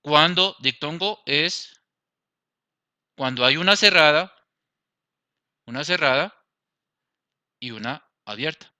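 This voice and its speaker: A man's voice: fairly high pitch, lively intonation, takes it slowly, long pauses, sharp tone, no room sound. A man with a Colombian accent teaching a Spanish grammar lesson, explaining step by step and checking in with his class. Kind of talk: grammar lesson over slides.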